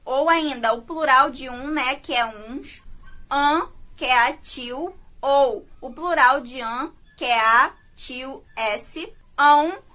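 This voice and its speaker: Bright high-voiced woman teaching. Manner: explanatory, slow and patient, frequent tag questions. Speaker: Portuguese teacher. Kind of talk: recorded video lesson.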